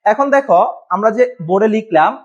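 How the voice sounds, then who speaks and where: A man with a high voice teaches a biology class at a board. He asks his students questions and answers them himself, spelling out terms letter by letter. The recording is dull and lo-fi. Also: animated, fast talker. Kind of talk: classroom lesson.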